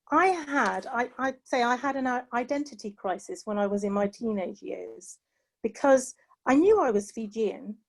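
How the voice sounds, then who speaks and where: A panel guest from England, this middle-aged woman has a fairly high, slightly mellow voice and a British accent. She talks earnestly about personal experiences, regularly saying "you know."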